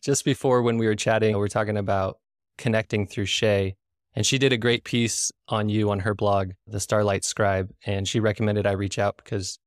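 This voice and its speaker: A man's voice: on the low side, steady tone, normal speed, dry recording, clean studio sound. A man in his thirties hosting a casual podcast interview over a headset, asking friendly questions and often restarting his phrases. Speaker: podcast host. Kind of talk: casual interview on a video call. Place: living room indoors. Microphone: headset with boom mic on a video call.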